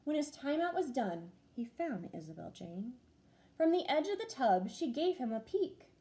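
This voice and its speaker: A young woman who teaches first grade reads a rhyming picture book aloud, her high-pitched voice moving at a moderate pace. She tells the story expressively, in a sing-song way.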